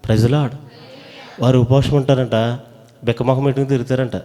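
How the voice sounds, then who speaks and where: A man preaching a sermon in a church hall, pressing the congregation to call back their answers loudly. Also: mid-range voice, level tone, a little fast.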